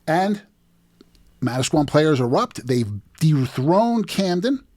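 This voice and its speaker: Middle-aged jersey guy doing play-by-play on old game film, lively voice that jumps all over, keeps repeating himself for emphasis. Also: fairly high pitch, slow. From New Jersey. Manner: animated play-by-play, emphatic restarts. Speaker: host breaking down game footage. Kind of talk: sports video commentary.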